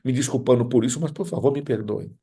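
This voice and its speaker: A man's voice: medium pitch, quick pace, warm tone, husky, pitched above the performer's own voice, lightly acted. A man voicing a poor, hungry schoolboy who tearfully pleads for forgiveness. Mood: pleading.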